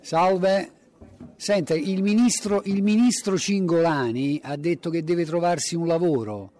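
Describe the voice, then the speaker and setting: A man's voice: a little high, a little slow, darkish tone. A man doing vox-pop interviews for radio in a chatty, teasing way. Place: outdoors in city streets.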